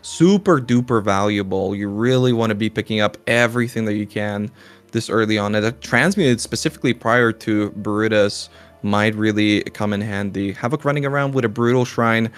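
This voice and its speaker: A man co-commentating an esports race, giving lively, upbeat play-by-play with some fillers. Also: lowish voice, normal speed, smooth, soft background music.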